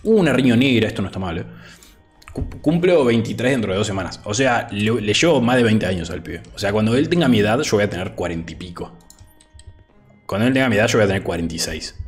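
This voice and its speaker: With a lowish voice and lively intonation, a twenty-something from Argentina talks fairly quickly on a casual gaming livestream, soft music playing behind him. He's at home indoors on an over-ear headset, laid-back and chatty, reading chat aloud and saying "boludo" a lot.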